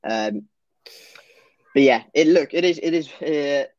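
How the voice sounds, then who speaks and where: A man co-hosts a football podcast and talks through a match review in relaxed chat. He hesitates a lot and restarts his sentences. The sound is dull and very dry, as if captured close in a small, deadened room. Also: on the high side, a little slow, no echo. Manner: hesitant, lots of fillers and restarts.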